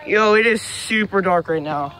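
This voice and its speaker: A teenage boy vlogging in casual chat while hiking a dark trail at night, excitedly calling out to his friends, recorded on a handheld phone. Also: high-pitched, moderate pace. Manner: excited, slangy, calls out to friends. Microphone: phone camera held while walking. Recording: noisy outdoor phone recording.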